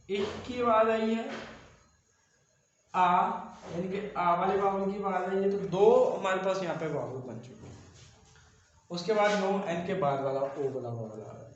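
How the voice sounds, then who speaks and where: A man teaching a shorthand class, slowly spelling out syllables and repeating each step. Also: high voice. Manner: slow, repetitive, spells out syllables. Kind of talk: classroom lesson explaining steps. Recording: very echoey, dull lo-fi sound, faint noise.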